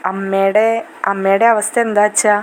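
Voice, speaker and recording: A woman voicing a gentle, dutiful young daughter who speaks softly and reassuringly to her father in a retold serial story. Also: medium pitch, little pitch movement, moderate pace, slight background noise, natural voice.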